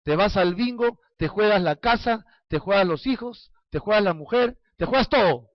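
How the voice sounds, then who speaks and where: A man's voice: high voice, animated, normal speed, no room sound. A man preaching a sermon in a playful, storytelling way, asking his listeners questions. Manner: playful, acts out little scenes and asks the congregation questions. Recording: dull lo-fi sound, dry.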